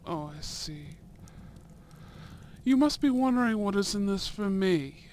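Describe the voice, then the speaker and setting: A man plays a young Edwardian viscount, courteous and shrewd, in a romantic audio roleplay, using formal, deliberate phrasing and soft murmurs. His voice sits high and animated, sounding measured and amused, with slight background noise.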